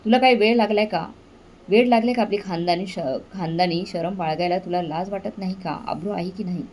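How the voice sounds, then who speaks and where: A woman voicing a stern, quick-tempered older brother. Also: mid-range voice, a little mellow, close to an everyday voice, poor audio. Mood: angry. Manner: scolding.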